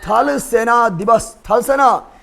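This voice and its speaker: A man's voice: very high-pitched, slow, vocal fry, a bit bright. A man teaching a general knowledge revision class, drilling students with call-and-response and teasing them in colloquial speech.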